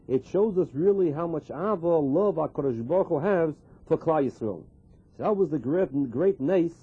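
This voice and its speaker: A man's voice: on the high side, husky. A man gives a Torah lecture as a religious teacher, explaining scripture by repeating and translating quoted phrases. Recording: muffled, phone-like narrow sound.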